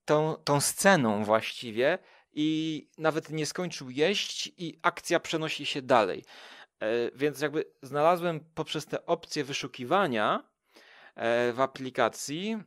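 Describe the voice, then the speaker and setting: A man's voice: fairly high pitch, lively intonation, slow, a bit bright, dry recording, clean studio sound. A man chatting casually as a podcast guest, rambling with many fillers and restarts. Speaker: podcast guest, food show creator. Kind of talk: casual chat.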